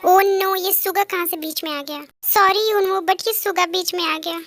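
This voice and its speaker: A woman's voice: very high-pitched, steady tone, a little slow, loud music behind the voice. A woman plays a sly, jealous teenage girl in on a scheme.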